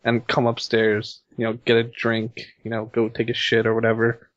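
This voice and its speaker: A young man in his twenties who rambles loosely in a casual podcast chat, filling his speech with "you know" and "like." His voice sits at a middle pitch. The recording is dry and dull, like lo-fi call audio. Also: monotone, normal speed, no room sound. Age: 20s. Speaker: co-host.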